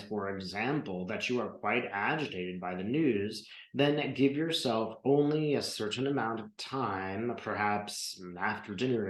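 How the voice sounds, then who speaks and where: Male trance channeler, seance-medium delivery, deliberate formal phrasing, mid-pitched voice, roomy echo. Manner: measured, deliberate, formal phrasing with rhetorical repetition. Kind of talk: channeled spiritual talk, seance medium speaking as "we".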